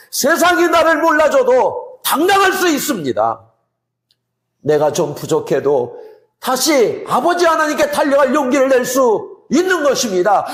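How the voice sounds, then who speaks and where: A man with a very high voice preaching a sermon, his tone moving freely between soft reassurance and emphatic swells. His delivery is lively and melodic, and the recording has a roomy echo.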